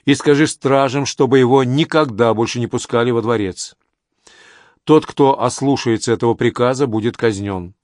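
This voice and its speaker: A man's voice: mid-range voice, normal speed, dry recording, close to an everyday voice. A man voicing an irritable ancient king who speaks in curt, clipped, contemptuous phrases. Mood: harsh. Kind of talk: audiobook character reading.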